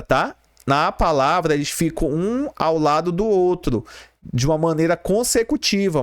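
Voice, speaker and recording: A man's voice: a little high, dry recording, clean studio sound. A man with a Brazilian Portuguese accent teaching an exam-prep grammar lesson, explaining step by step and repeating key terms while checking in with viewers.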